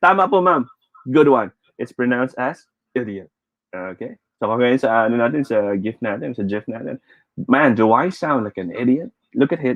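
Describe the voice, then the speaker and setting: A man's voice: on the low side, no echo, dull audio. A man with a Filipino accent teaching an online speech class, chatty and encouraging, switching between English and Tagalog as he reads out viewer comments.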